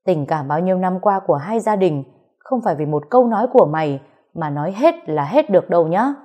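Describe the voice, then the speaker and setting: A woman voicing a stern old father in a read-aloud story, shouting and scolding his son. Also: on the low side, animated, brisk. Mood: furious.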